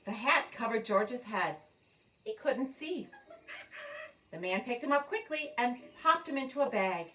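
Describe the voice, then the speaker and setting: A woman reading a children's picture book aloud in an expressive, deliberate storytelling manner with dramatic pauses. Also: fairly high pitch, far from the mic. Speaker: storybook reader.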